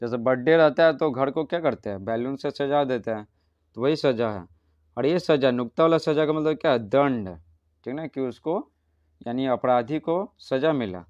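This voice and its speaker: A man's voice: mid-range voice, normal speed, darkish tone, clean tone, no echo, dull audio. A man teaching a primary school language lesson, patiently asking questions and answering them himself. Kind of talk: explaining a school textbook lesson.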